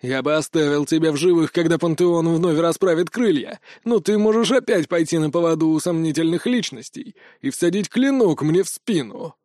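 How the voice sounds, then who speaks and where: A man voicing a sarcastic, whiny ancient male trickster god with a shrill, theatrical manner. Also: expressive, normal speed, warm tone, dry recording, studio quality. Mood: indignant.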